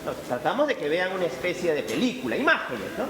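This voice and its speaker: Man, storyteller, high voice, lively pitch, echoey hall. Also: quick pace, crowd noise. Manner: animated and expressive, addressing an audience. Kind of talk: live oral storytelling. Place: event hall at a book fair.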